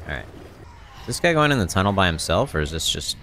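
A man in his thirties with a lowish voice talks through a video game as a streamer. He gives casual tips and running commentary on a close mic, with noticeable noise and ambience behind him. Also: very animated, quick pace, pushed and bright. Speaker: game streamer and tutorial host. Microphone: close microphone on a boom arm.

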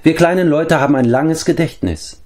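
A man voicing a grumpy, gruff male dwarf in a storybook reading, grumbling as he talks. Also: on the high side, normal speed, a little mellow, pitched above the performer's own voice, close to an everyday voice. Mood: solemn.

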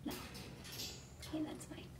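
A woman's voice: moderate pace, background noise. A young woman chatting casually in a home vlog, filming herself at arm's length and talking to her pets. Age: young adult. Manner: chatty, upbeat, talks to her animals. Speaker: vlogger and pet sitter. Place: home, indoors. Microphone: handheld camera at arm's length.

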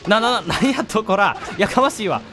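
A man's voice: sits high, animated, normal speed, fairly bright tone, faint music behind, pitched above the performer's own voice. A man voicing a grumpy, short-tempered male mole, scolding the player in a Kansai dialect while reading game dialogue aloud. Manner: gruff, scolding, exasperated lecturing.

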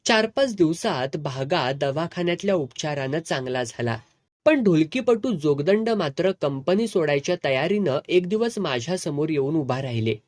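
A man reading a serialized novel aloud with vivid, expressive storytelling. His voice sits fairly high for a man, and the recording is close and dry. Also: no room sound. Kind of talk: dramatic audiobook narration.

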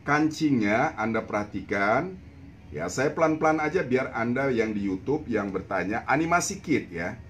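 An older man selling jeans on a live stream from an indoor shop, emphatic and repeating his points with a steady tag at the end of each phrase. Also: mid-range voice, moderate pace. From Indonesia. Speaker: clothing seller on a live stream. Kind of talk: live-stream sales pitch. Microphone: phone camera at arm's length.

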